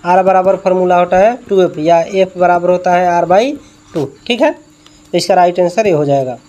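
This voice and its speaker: A man's voice: sits high, moderate pace, dark tone. A male tuition teacher going through exam questions, repeating each answer and quizzing with rhetorical questions.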